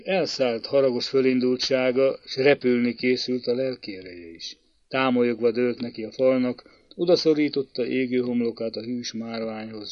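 A man's voice: mid-range voice, dry recording. Male storyteller reading a tale, dull dry sound. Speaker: narrator. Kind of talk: audiobook narration.

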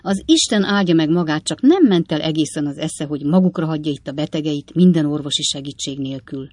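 A reader as a grave, proper old gentleman. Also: mid-range voice, lively intonation, no echo, natural voice. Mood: reproachful. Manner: grave, reproachful, slightly flustered. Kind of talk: audiobook character voice.

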